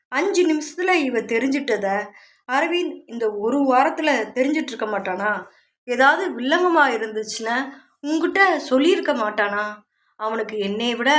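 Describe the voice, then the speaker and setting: நாவல் வாசிப்பில் மனைவியை நிதானமாக சமாதானப்படுத்தும் வயதான மாமனார், ஒரு பெண் நடித்துக் காட்டுகிறார். குரல் நிதானமாகவும் சற்று உயரமாகவும் ஒலிக்கிறது. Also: female voice, sits high. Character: calm, reasoning older father-in-law.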